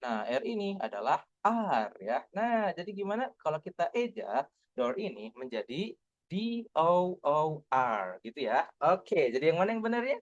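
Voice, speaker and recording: Young male tutor, patient and coaxing with small kids, lively pitch, dull lo-fi sound. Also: no room sound. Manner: lively, patient, coaxing, spells out letters slowly. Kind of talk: online lesson reviewing test answers for young kids.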